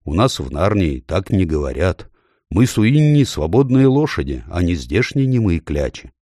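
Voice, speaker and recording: A man's voice: low voice, big pitch swings, moderate pace, darkish tone, no echo, clean studio sound. A man voicing a proud, noble male talking horse who speaks in a stately, lecturing way. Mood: lofty.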